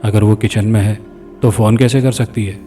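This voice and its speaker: A man voicing a nervous young man who speaks in a shaky, hushed way. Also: fairly low pitch, fairly even intonation, close to an everyday voice. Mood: uneasy. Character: nervous but level-headed young man, friend. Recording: distant mic with faint music.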